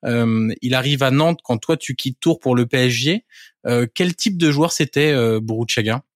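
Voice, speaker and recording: A man's voice: mid-range voice, normal speed, no echo. Male host from france, football talk, easygoing, dry close voice. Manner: relaxed, self-mocking presenting.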